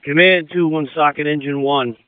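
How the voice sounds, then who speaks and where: A man's voice: fairly high pitch, steady tone, moderate pace, clear, resonant tone, no room sound. A man acting as fire incident commander, giving directions over a two-way radio. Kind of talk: fire ground radio traffic. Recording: tinny narrowband radio channel.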